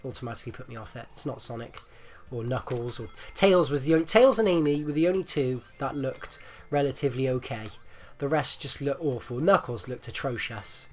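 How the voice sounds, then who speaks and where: A gaming video host with a medium-pitched, expressive voice talks fairly quickly, leaving few pauses. Getting over the flu, he's phlegmy and his chest rattles with congestion as he rambles through casual gameplay commentary, hesitating and repeating himself.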